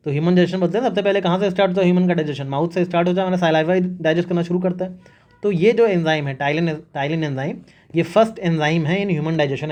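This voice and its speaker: This is a man speaking at a fairly high pitch with a darkish tone. In a brisk exam-prep review, he hammers facts home with mnemonics, peppering his drilling with "याद रखना" and "ठीक है," meaning "remember this" and "okay."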